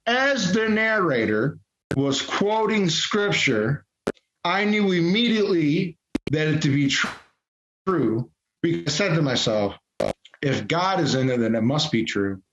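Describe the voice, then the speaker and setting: A man's voice: on the high side, big pitch swings, unhurried, a bit bright, reverberant, slight background noise. Man on a glitchy, cutting-out call line. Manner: earnest storytelling, repeats phrases. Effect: glitchy audio that keeps cutting out. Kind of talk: casual debate over a call. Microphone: remote call connection. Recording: dull lo-fi call audio with dropouts.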